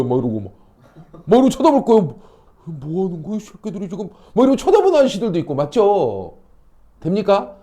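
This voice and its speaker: A male academy teacher lecturing high school students, animated and constantly checking in with questions. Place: classroom.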